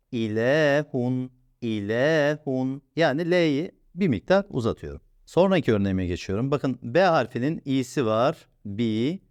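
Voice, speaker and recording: A man teaching a step-by-step lesson, patiently asking and answering his own questions and drawing out sounds slowly. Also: mid-range voice, a little mellow, dry recording. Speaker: Quran reading teacher.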